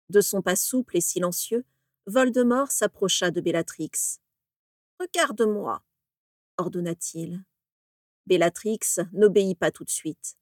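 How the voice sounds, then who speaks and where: A woman reads a story aloud with measured, dramatic pacing. Her voice sits at a middle pitch and is recorded dry and close, with no room sound. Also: a little mellow, no room sound. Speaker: narrator. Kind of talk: scripted narration of a story.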